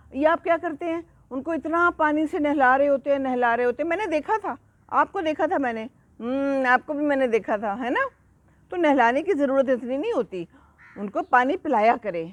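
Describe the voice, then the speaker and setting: A woman telling a story to young children, animated and full of questions to her listeners, speaking outdoors under a tree. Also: on the high side, dry recording.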